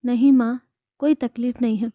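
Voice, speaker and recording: A woman's voice: fairly high pitch, steady tone, normal speed, mellow, no echo, dull audio, close to an everyday voice. A woman voicing an unhappy young married daughter, hesitant and holding back tears. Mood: evasive.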